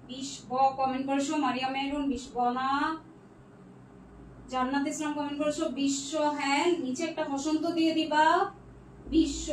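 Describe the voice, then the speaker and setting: During a live online class, a high-voiced young female tutor reads out student comments and patiently goes through their answers one at a time, slipping English words into her speech. The recording is echoey and faintly noisy, her voice coming from a mic set well away from her.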